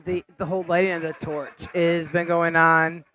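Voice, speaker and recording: A man co-hosting a casual podcast, earnest and quick to laugh. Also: fairly high pitch, flat delivery, bright, forceful tone, low-quality recording. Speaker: podcast co-host. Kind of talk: casual chat.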